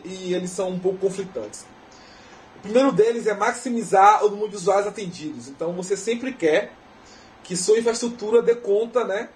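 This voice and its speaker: Brazilian male tech lecturer, high pitch, chatty explainer style. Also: a little mellow, slight background noise, poor audio. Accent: Brazilian Portuguese. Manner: conversational, often tags "né?" and restarts phrases. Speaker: technical lecturer. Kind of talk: technical lecture. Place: conference lecture hall.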